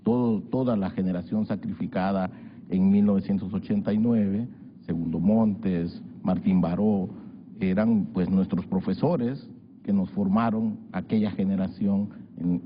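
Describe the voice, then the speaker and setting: A man from El Salvador in his sixties, a journalist guest recounting his life in a measured, reflective way with frequent hesitations. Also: lowish voice. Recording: dull lo-fi broadcast audio with faint hiss.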